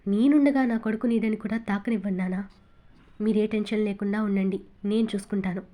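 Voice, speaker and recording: A woman voicing a loving young father who gently soothes his son and stays resolute. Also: mid-range voice, fairly even intonation, brisk, lightly acted.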